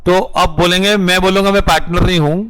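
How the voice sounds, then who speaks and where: High-voiced lecturer. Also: male voice, rough recording. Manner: animated, drills students with rhetorical questions; dictates definitions slowly in English. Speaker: law lecturer. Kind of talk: classroom lecture in Hindi mixed with English. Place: classroom with students.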